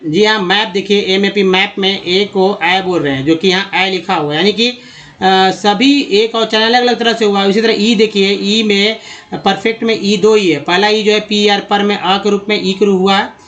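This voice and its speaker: Male English tutor with a fairly high voice. He works through words slowly, one syllable at a time. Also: fairly even intonation, a bit bright, muffled recording. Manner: slow deliberate spelling-out of words, then brisk explaining. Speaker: English teacher. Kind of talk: reading word lists and explaining pronunciation.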